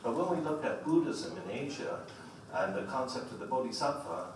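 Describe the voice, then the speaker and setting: A man hosting an evening lecture, giving a formal but loose introduction in a halting manner with repeated phrases. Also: medium pitch, expressive. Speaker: host introducing a guest speaker. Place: large echoey indoor room at a public lecture. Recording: echoey hall, distant mic, faint noise.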